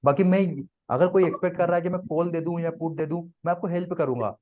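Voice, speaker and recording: A man's voice: fairly high pitch, fast, darkish tone, dull audio. A man teaching a live trading class to students, explaining step by step and often checking that they follow.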